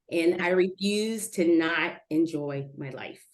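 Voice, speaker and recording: Lively middle-aged woman telling stories. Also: lowish voice, extremely slow. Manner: lively storyteller, animated quoting of others, laughs easily. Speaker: guest speaker. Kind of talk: casual interview on a video call.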